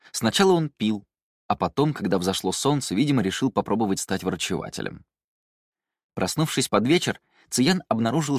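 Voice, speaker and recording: Low-voiced man narrating an audiobook. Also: no echo, clean studio sound.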